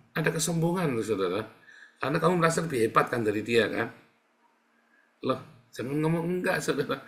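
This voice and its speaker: A male pastor preaching in casual, conversational style, asking rhetorical questions and answering them himself, swinging between loud emphatic peaks and quiet asides. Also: on the high side. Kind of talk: sermon.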